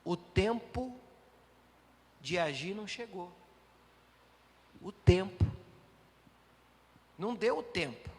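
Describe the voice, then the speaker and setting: A man's voice: high voice, long reverb tail. A man preaching a sermon as pastor, emphatic and addressing the congregation directly.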